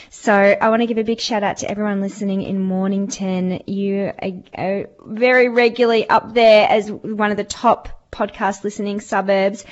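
A woman's voice: medium pitch, highs cut off. A woman with an Australian accent hosting a radio show, chatty and bubbly as she thanks her guest and listeners. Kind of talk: casual radio chat.

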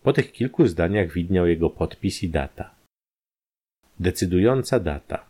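Deep-voiced male crime story narrator. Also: lively intonation, a little slow, warm tone, slightly rough.

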